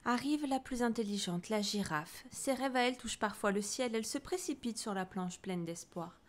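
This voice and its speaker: A woman reading a children's picture book aloud, lively, with soft whispered asides. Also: on the high side, moderate pace. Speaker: storybook reader. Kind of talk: children's story read aloud.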